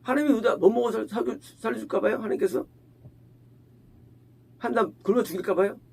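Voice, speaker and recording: A man's voice: high voice, fairly quick, a little mellow, a little hiss or hum. A male pastor preaching a sermon in a conversational way, asking the congregation questions and acting out quoted lines. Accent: Korean. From Korea.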